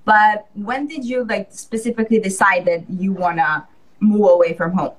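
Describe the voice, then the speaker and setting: A woman host asking questions in a warm-hearted, encouraging, chatty way. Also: medium pitch, normal speed, low-quality recording. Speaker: podcast host. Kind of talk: casual interview chat.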